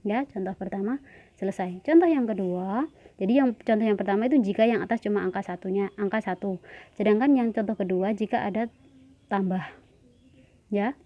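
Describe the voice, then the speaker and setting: A woman's voice: mid-range voice, fairly quick, pauses often. Woman math teacher walking thru examples patiently, kinda dull lo-fi sound. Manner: patient step-by-step explaining, frequent "ya" checks. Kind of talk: whiteboard math lesson.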